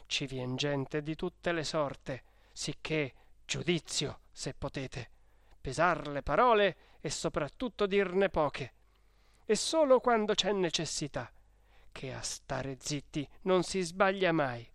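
A man's voice: fairly high pitch, slow pace, creaky, no echo, studio quality, exaggerated voice. A man doing a fretful old village priest. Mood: scolding. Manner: anxious, scolding in hushed tones. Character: fearful fussy old male village priest.

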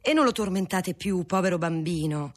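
A woman's voice: fairly low pitch, expressive, moderate pace. Woman doing a scornful old spinster. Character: scornful old spinster aunt, blunt and mocking.

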